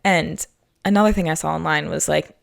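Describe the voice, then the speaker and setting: A woman's voice: low-pitched, steady tone, a little fast, creaky. A young woman hosting a podcast, talking casually and filling her sentences with "like" and "um". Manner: chatty, heavy use of "like" and "um", restarts. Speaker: podcast host. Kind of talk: casual solo podcast talk.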